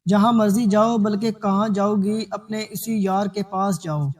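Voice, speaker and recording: A man's voice: high voice, fairly even intonation. A man reading a furious jealous husband. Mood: scornful. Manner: shouting insults. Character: furious jealous young husband, harsh and cruel.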